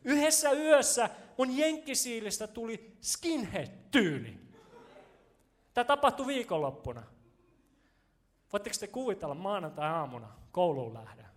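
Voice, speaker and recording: High-voiced animated male preacher. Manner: animated, voice rises and turns loud when excited; casual, joking, talks straight to the congregation. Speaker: pastor. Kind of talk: sermon with personal storytelling. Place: church stage before a congregation.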